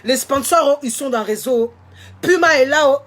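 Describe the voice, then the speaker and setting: High-pitched woman, indignant vlogger rant, emphatic and repetitive. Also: a little fast, a bit bright. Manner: emphatic, indignant, repeats her points. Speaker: social media commentator. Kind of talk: impassioned vlog rant to viewers.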